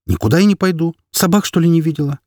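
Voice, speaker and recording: A man's voice: fairly high pitch, quick pace, dark tone, no echo, studio quality, pitched above the performer's own voice, lightly acted. A man voicing an exasperated mother in her thirties who scolds her son and complains about her husband, in an audiobook. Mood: scolding. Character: harried Soviet-era mother, woman in her thirties.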